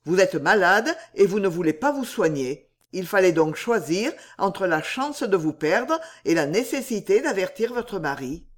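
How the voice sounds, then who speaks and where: A man voicing an earnest, plain-spoken English gentleman who speaks insistently to his cousin in a storybook reading. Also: high voice, big pitch swings, a little slow, hardly any pauses. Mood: concerned.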